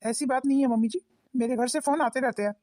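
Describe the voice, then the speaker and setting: A woman plays a mild young son-in-law in a cartoon, speaking politely and trying to reason. His voice sits somewhat high for a man. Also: fast, mellow, dry recording, studio quality, lightly acted. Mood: pleading.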